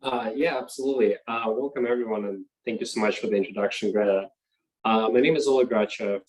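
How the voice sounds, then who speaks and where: A man's voice: on the low side, fast, a little mellow, rough recording. A young man introducing himself on a video call panel. He hesitates often and fills gaps with uh and you know. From Russia. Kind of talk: casual self-introduction.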